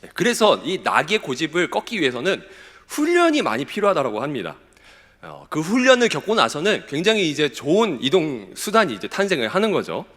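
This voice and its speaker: A male pastor giving a sermon, questioning his congregation in an emphatic way and sounding slightly hoarse. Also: a little high, huge pitch swings, brisk, fairly bright tone, long reverb tail. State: hoarse, recovering from illness. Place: church sanctuary.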